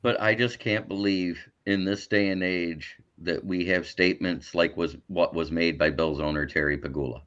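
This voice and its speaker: A man's voice: low voice, fairly even intonation, moderate pace, hardly any pauses, a bit bright, clear, resonant tone, highs cut off. A man who is a guest on a sports podcast, chatting casually and opinionatedly about football. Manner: opinionated, breaks into mocking impressions.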